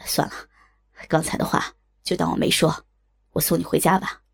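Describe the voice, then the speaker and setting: A woman voicing a pushy, smooth-talking man who speaks in a low, half-whispered coaxing way. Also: little pitch movement, normal speed, heavily acted.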